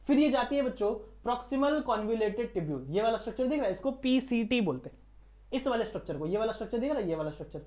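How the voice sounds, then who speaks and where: A man's voice: very high voice, lively intonation, rapid-fire, darkish tone. A male teacher with an Indian accent gives a casual online science lesson, often asking his students questions and then answering them himself. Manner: quizzes students with repeated questions. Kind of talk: casual classroom lecture.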